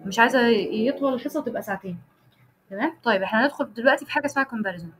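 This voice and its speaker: A young Egyptian woman teaches an online coding lesson, speaking quickly in a somewhat high, slightly bright voice with an Egyptian Arabic accent. She explains step by step, breaks off and restarts phrases as she types code, and often checks that everyone is following. It sounds like a plain computer mic on a video call, with a little hiss or hum.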